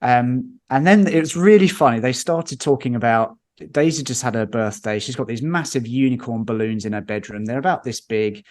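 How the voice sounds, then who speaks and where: A man, a podcast guest chatting casually and telling lively anecdotes with chuckles. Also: mid-range voice, normal speed, few pauses.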